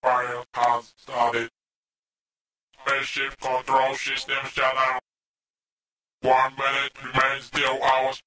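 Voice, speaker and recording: A man voicing the robotic computer of a spaceship in a game, giving flat announcements. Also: medium pitch, takes it slowly, pauses often, background noise. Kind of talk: game voice lines. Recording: echoey, from a distance.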